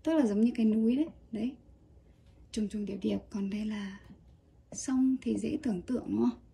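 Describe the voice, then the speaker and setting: A woman teaching a casual Japanese kanji lesson, chatty and relaxed with small laughs. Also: on the high side, moderate pace, gravelly, breathy edge.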